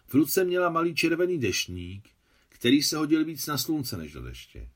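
A man narrating a novel aloud as an audiobook, in a measured literary reading. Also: fairly high pitch, very animated. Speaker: translator reading his translation.

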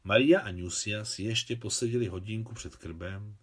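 A man narrating a novel, reading the dialogue lines in a higher voice for the women. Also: breathy edge. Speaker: audiobook narrator.

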